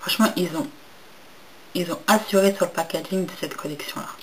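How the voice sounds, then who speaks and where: A young woman talks through a makeup haul in a casual, rambling way, with a slightly low voice. She hesitates often, restarts her sentences and gushes over the packaging. Faint kitchen clatter is heard in the background. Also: fairly quick, slight background noise, rough recording. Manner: hesitant, many fillers and restarts; enthusiastic about packaging. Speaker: beauty vlogger.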